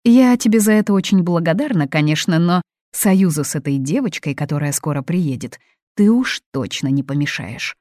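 A woman reading an audiobook, voicing a domineering, controlling middle-aged mother who talks loud and imperious. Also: fairly low pitch, expressive, moderate pace, no echo, clean studio sound, lightly acted.

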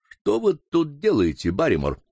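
A man's voice: fairly high pitch, huge pitch swings, moderate pace, creaky, dark tone, slightly rough, no room sound, voice pushed up, full character voice. A man reading an audiobook voices a stern young baronet who speaks commandingly. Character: stern young male baronet, demanding answers.

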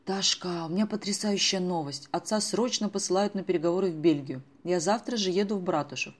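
A woman voicing an excited teenage boy who talks briskly on the phone in an audiobook. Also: lowish voice, natural voice.

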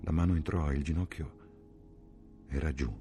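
A man reading a novel aloud as an audiobook, in a measured, slow and grave dramatic narration. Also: extremely low pitch, mellow, slight background noise. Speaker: audiobook reader.

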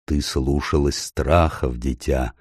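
A man voicing a great noble male lion in an audiobook, speaking slowly and gravely in a deep, low voice. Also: fairly even intonation, a little mellow, no echo, studio quality, exaggerated voice. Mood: gentle, grave. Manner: slow, grave, measured. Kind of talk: audiobook character voice.

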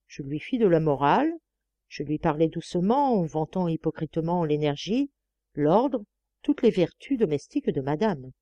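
A woman narrating a novel in the first person as an audiobook reader, with a measured, expressive reading. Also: deep voice, no echo, muffled recording.

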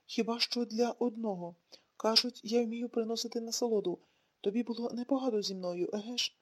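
A woman's voice: on the high side, fairly even intonation, fairly quick, lightly acted. A woman reading an audiobook, voicing a bitter, wounded young woman who speaks with sarcasm.

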